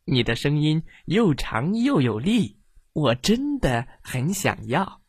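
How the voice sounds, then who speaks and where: A woman voicing an eager young male turkey in a storybook, coaxing and pleading in a raised, bright voice. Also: very animated, slow, slightly rough, no room sound, studio quality, full character voice. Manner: bright, coaxing, higher than narration.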